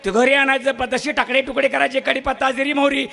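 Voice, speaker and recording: A man performs a comic folk sermon to a live audience, preaching loudly and scolding the crowd. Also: very high-pitched, little pitch movement, fast talker, gravelly.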